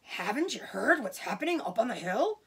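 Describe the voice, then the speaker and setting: A woman voicing a desperate, excitable male badger in a children's storybook. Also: fairly high pitch, normal speed, husky, heavily acted. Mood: agitated, alarmed.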